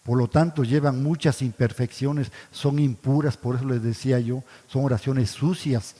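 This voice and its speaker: A man's voice: mid-range voice, steady tone, normal speed, mellow. A man teaching a Bible study sermon, asking his listeners questions and answering them himself, often calling them brothers. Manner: addresses listeners as brothers, frequent tag questions. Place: church. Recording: church hall with long reverb.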